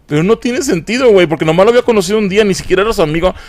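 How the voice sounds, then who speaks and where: A man's voice: high voice, rapid-fire, a little mellow, no echo. A man with a Mexican accent giving a casual, profane film review. He mocks the movie and laughs often.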